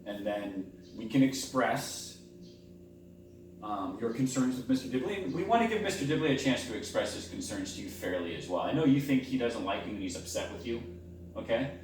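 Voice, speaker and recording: A man speaking as a school counselor in a role-play conversation, calm and reassuring like a therapist, rephrasing as he goes. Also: mid-range voice, a little fast. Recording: very echoey room, distant mic, faint hum.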